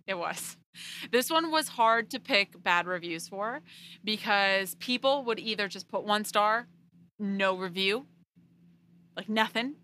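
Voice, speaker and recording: A woman's voice: mid-range voice, lively intonation, slow pace, pushed and bright, a little hiss or hum. A woman co-hosting a casual book chat, talking in a chatty way with lots of "like". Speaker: podcast co-host.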